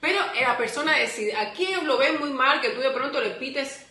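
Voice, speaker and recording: A woman's voice: high-pitched, brisk, reverberant. A young Cuban woman with a Cuban Spanish accent giving chatty advice in a vlog, acting out little scenes as she goes. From Cuba. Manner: chatty, animated, acts out little quoted scenes. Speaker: vlogger.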